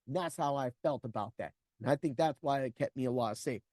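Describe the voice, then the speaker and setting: A man's voice: mid-range voice, brisk, a little mellow, no echo, clean studio sound. A man in his forties, a podcast host, telling a profane personal story and acting out the people in it. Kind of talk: storytelling monologue.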